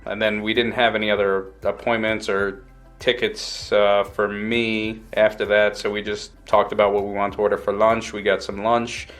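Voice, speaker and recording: A man with a lowish voice talks like a plain-spoken mechanic in a casual interview. His delivery is flat and matter-of-fact, with little rise or fall. Faint music plays behind him. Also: normal speed. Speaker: automotive technician being interviewed. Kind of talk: casual interview, recounting a work day.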